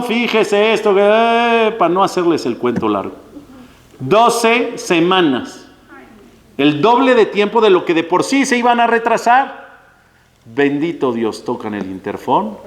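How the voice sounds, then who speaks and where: A rabbi with a Mexican Spanish accent delivers an animated sermon, switching voices to play out both ends of a phone call before driving home his lesson. His voice sits a little high for a man. The sound carries a long reverb from a large hall. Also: unhurried. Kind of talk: lively sermon with storytelling.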